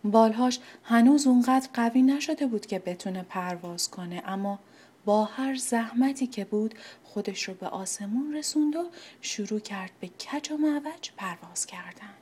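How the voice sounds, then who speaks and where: A woman narrating a children's story in a gentle, half-whispered voice and speaking directly to the children. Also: fairly high pitch, a little hiss or hum.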